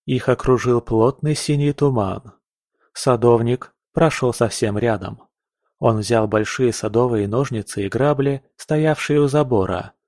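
A man narrating an audiobook in a calm, even reading voice. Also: mid-range voice, measured pace, no room sound, studio quality. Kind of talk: scripted narration.

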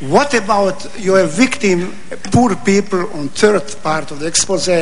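Older Serbian-accented man, high voice in a hall. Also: expressive, a little slow. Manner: broken English, long emphatic statements, repeats words. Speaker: audience member asking a question. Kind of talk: impassioned question at a lecture. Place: university lecture hall.

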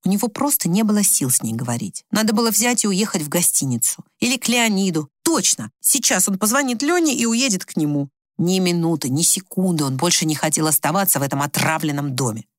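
A woman narrating an audiobook story in a measured, expressive reading. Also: lowish voice, no echo, clean studio sound.

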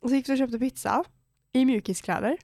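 A girl from Borås under eighteen hosts a podcast, casually recounting a story with lots of slang, profanity and acted-out dialogue. Her voice sits high with a darkish tone, and there's no room sound.

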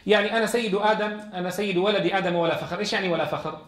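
A man's voice: high voice, rapid-fire, fairly bright tone, echoey room. A man teaching a Quran lesson in a classroom. He reads from a text and explains it, asking his students questions.

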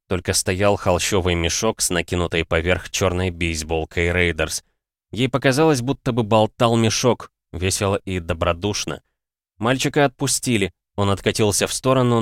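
A man narrating an audiobook in a steady, even storytelling manner. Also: fairly low pitch, moderate pace, clean tone, no echo, clean studio sound.

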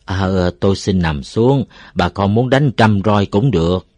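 A man voicing a cheerful, crafty middle-aged village farmer who talks loudly and playfully in a dry, close recording. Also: sits low, a little slow, no echo. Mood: polite loud. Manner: loud, playful, shouting to the village.

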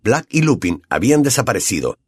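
A man with a Latin American accent narrating an audiobook in an expressive, dramatic storytelling manner. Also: medium pitch, a little fast, husky, no room sound, clean studio sound. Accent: Latin American Spanish.

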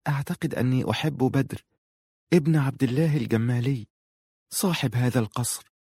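A man voicing a shy, lovesick eighteen-year-old girl who speaks softly and pleads. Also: medium pitch, fairly quick, husky, no room sound, clean studio sound. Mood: tender, pleading. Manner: soft, pleading, tender.

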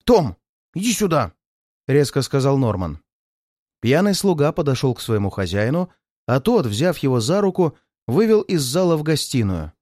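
A male audiobook reader delivers scripted narration with expressive storytelling. His voice is mid-range at a normal speed, captured in clean studio sound with no room ambience.

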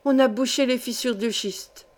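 A woman's voice: on the high side, moderate pace, natural voice. A woman reading the part of a young miner, speaking earnestly and emphatically. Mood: tense.

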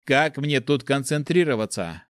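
A man voicing a grumpy, hard-drinking male paladin who is quick to anger, in a storybook reading. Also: medium pitch, expressive, dry recording, studio quality, pitched above the performer's own voice, lightly acted. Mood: furious.

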